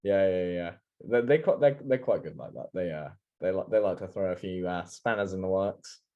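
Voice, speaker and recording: A young Englishman co-hosting a podcast, telling stories in a lively way, swearing and laughing often, talking over a video call. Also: sits low, normal speed, phone-quality sound. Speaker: podcast co-host. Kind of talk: casual chat.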